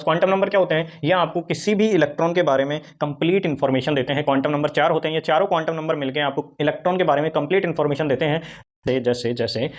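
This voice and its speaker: Male teacher, quick and chatty lecture delivery, keeps asking and answering his own questions. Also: fairly high pitch, muffled recording. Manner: repetitive call-and-response questioning; fast, chatty explaining with Hindi-English mix. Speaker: chemistry teacher. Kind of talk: online classroom lecture.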